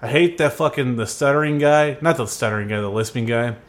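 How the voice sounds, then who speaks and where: A man's voice: medium pitch, quick pace. A young man co-hosting a podcast, chatting casually and ranting with heavy swearing and jokes. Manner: profane, joking rants. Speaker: podcast co-host. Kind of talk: casual chat.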